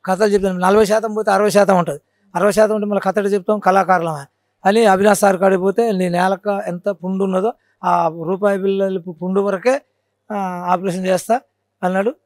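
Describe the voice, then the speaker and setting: A man's voice: high-pitched, steady tone, fairly quick, a little mellow, no echo. A man with a Telangana Telugu accent, a folk storyteller telling his cancer story in an interview, earnest and repeating his points. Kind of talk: casual interview.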